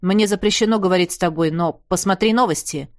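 A woman's voice: on the low side, quick pace, no room sound, clean studio sound, close to an everyday voice. A woman reading the part of a worried, gloomy male colleague in an audiobook, with a groaning, blunt delivery.

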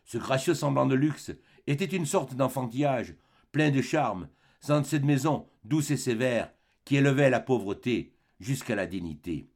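Guy reading an audiobook, calm measured narration, voice moving up and down a lot. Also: mid-range voice. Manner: expressive, measured storytelling. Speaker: audiobook reader. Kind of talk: scripted literary narration.

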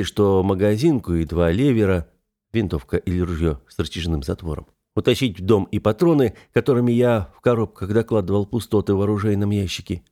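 Кастинг: мужчина-чтец аудиокниги, низкий и мягкий голос. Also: male voice, lowish voice, dark tone. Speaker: audiobook narrator. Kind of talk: scripted first-person narration.

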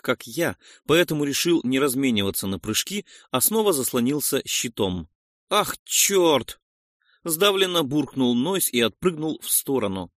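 A man reading an action audiobook in the first person with expressive narration. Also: medium pitch, dry recording, studio quality.

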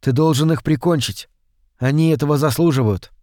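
A mysterious hooded boy speaks calmly and grimly, urging without emotion, as a male narrator voices him. The sound is close and dry. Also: fairly high pitch, fairly quick, dry recording, close to an everyday voice.

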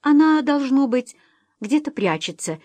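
A woman's voice: unhurried, no room sound. A woman voicing a worried husband who speaks steadily, trying to reassure his wife. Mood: reassuring. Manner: steady, low-key, urging. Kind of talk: audiobook character voicing.

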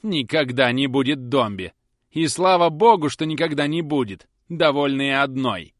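A man reading an audiobook and voicing a fiery, sharp-tongued young nursemaid who rants in a high, mocking voice. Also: normal speed, no echo, clean studio sound, close to an everyday voice. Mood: indignant. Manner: shrill, indignant, mocking.

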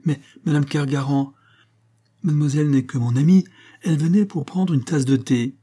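A man's voice: mid-range voice, steady tone, unhurried, mellow, slightly rough. A man voicing a flustered young male lodger who stammers and pleads.

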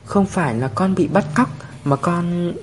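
A man voicing a stubborn, tearful little girl in a storybook reading, in a high childish pleading voice. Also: unhurried, breathy edge. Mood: sobbing.

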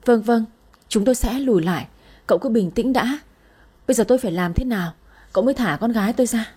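Desperate dad begging gently, a woman voicing him, husky dark tone. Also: a little high, quick pace. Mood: pleading. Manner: pleading, soothing. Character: desperate middle-aged father pleading calmly.

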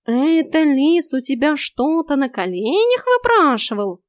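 A woman voicing a cheeky, sly male house cat in an audiobook, with a slow, smug, teasing delivery. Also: sits high, very animated, no echo, studio quality, pitched above the performer's own voice. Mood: insistent.

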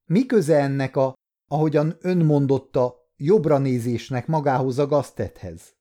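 A man's voice: medium pitch, dark tone, pitched above the performer's own voice, close to an everyday voice. A man voicing a male prosecutor questioning a witness formally in an audiobook story.

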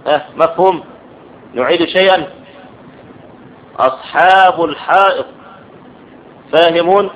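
A man's voice: a little high, unhurried, long pauses, a little hiss or hum. A man with an Egyptian accent giving a classroom grammar lesson, explaining step by step and often checking that students understand. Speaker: teacher. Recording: dull lo-fi classroom recording.

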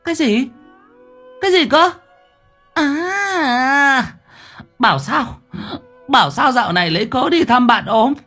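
Shrill furious old wife. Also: male voice, lively intonation, slow pace, pauses often, pushed and bright, husky, faint music behind, exaggerated voice. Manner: shrill, accusing and scolding.

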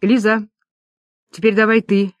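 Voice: medium pitch, level tone, measured pace, no room sound, natural voice. A narrator voicing a bossy woman who leads her group of friends and gives blunt orders. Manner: commanding, blunt.

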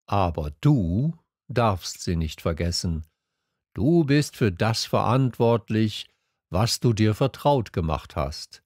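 A wise, calm fox speaks patiently and slowly, like a teacher, as a man reading the storybook puts him on. The voice is fairly low, with a lively melody, in a dry, close recording. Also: no room sound.

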